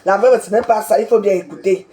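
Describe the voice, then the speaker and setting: A woman's voice: mid-range voice, fairly quick, mellow. Heated woman ranting, roomy echo. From Cameroon. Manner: confrontational, repetitive, calls people out by name. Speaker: social media commentator. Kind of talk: heated live-video rant.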